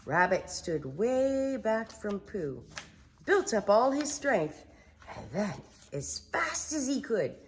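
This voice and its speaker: A woman's voice: medium pitch, very animated, takes it slowly, a little hiss or hum. An older woman reading a children's story in a grandmotherly, storytelling manner. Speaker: storybook reader.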